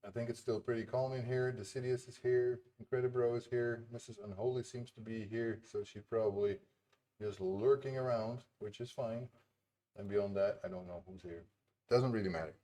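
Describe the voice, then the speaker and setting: A Dutch-speaking indie game developer chats casually on a live stream while building his game, laughing often and muttering to himself. His voice is lowish and a little mellow.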